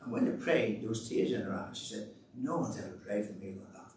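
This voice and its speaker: A man's voice: lowish voice, fairly quick, a little mellow, a little hiss or hum. A man giving a church talk, chatty and storytelling, re-enacting conversations and urging listeners on. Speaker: church speaker giving testimony. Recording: roomy echo, distant mic, faint ambience.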